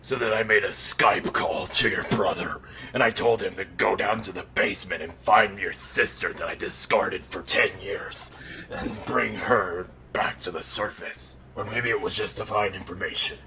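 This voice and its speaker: Over a noisy background, a man with a rather low, natural voice speaks at normal speed as a resentful undead animatronic father and killer, recounting an ASMR bedtime story bitterly. He's gravelly and theatrical, shifting between threatening whispers and furious eruptions.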